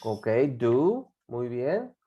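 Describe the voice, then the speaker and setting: Low-voiced, lively woman teaching English. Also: very slow, husky, muffled recording. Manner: patient, drills pronunciation by repeating words; coaxing, asks students guiding questions. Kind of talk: live English class.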